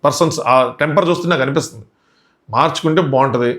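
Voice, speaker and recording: A man's voice: mid-range voice, quick pace, fairly bright tone. A man reviewing a reality show in casual commentary, indignant and full of rhetorical questions.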